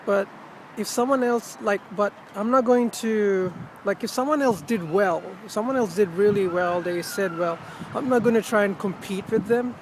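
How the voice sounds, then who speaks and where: With a mid-range voice at a moderate pace, a vlogger rambles casually and reflectively about personal matters while outdoors. Wind blows heavily into the mic over urban ambience, and the speaker tends to trail off and rephrase.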